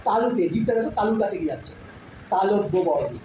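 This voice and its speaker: A woman's voice: mid-range voice, animated, fast talker. A woman teaching a phonetics lesson to a class, patiently repeating sounds and often checking that students follow. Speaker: school teacher. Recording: very echoey room, noisy background.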